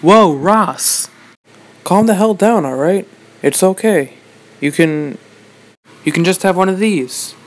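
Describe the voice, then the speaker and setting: A young man giving a rambling, deadpan comic monologue, posing as a lecturer. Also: high voice, slow pace, long pauses, rough recording. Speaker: vlogger. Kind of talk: mock-serious comedic monologue.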